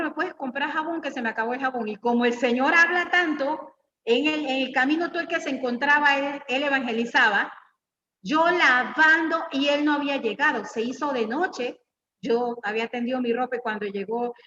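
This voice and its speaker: High-voiced woman preaching to women. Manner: lively, teasing, questions the audience directly. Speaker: guest speaker at church women's meeting. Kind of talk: informal preaching with personal stories. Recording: echoey church hall, dull lo-fi sound.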